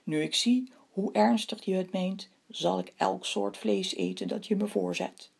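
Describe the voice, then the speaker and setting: A woman reading the part of the male moon as a weary traveler in a storybook tale, with a husky, breathy voice. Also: medium pitch, fairly even intonation, measured pace, darkish tone, exaggerated voice.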